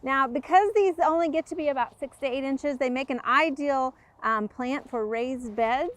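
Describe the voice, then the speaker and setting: A woman's voice: high voice, moderate pace, no echo. A woman who hosts a gardening show, explaining planting steps in a friendly way and interviewing a guest. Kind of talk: instructional gardening talk and interview.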